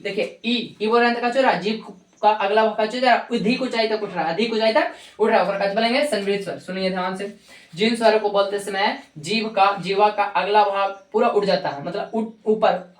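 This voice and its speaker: Echoey Bihari-accented woman drilling grammar. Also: medium pitch. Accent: Magahi-inflected Hindi from Bihar. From Bihar, India. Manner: repetitive drilling, asks questions and answers them herself. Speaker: Hindi grammar teacher. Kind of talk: classroom grammar lesson. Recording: echoey room.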